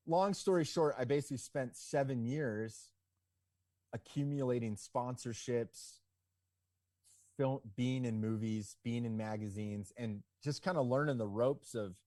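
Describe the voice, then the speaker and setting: A man of around forty, a guest on a podcast interview, telling his story in a relaxed, rambling way full of "like" and "you know". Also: mid-range voice, unhurried, no room sound, studio quality. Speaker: podcast guest, ski business owner.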